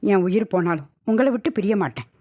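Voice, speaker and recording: A woman's voice: medium pitch, lively intonation, a little fast, mellow, voice pushed up, lightly acted. A woman voicing a young wife, affectionate and teasing, in a spoken horror story. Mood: tearful. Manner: coy, playful pleading.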